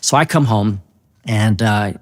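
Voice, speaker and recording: A man sharing his personal testimony in an earnest, halting way, often restarting his sentences. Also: lowish voice. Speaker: testimony speaker.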